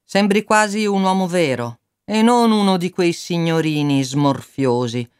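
A coarse fifty-year-old factory boss, as a narrator puts him on, sneering and bullying his young worker in a storybook reading. He talks with broad teasing scorn, his voice rising high and swinging widely as he jeers. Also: lively intonation, a little slow, smooth, lightly acted. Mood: mocking. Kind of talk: audiobook character reading.

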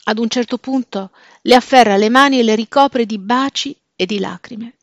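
Woman narrator, measured scripted reading, dull lo-fi sound with no room echo. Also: a little high. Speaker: book presenter. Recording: dull, dry lo-fi recording.

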